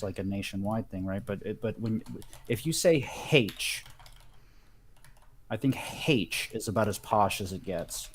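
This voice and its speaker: A man with a fairly low voice talks loosely over a card game. He rambles informally and swears freely as he goes.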